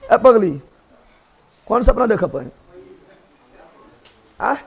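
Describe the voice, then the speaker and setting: A man's voice: high voice, sing-song, drawn-out words, creaky, breathy edge. A man teaching a biology class, drilling students with repeated questions and playfully scolding them. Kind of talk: classroom lecture.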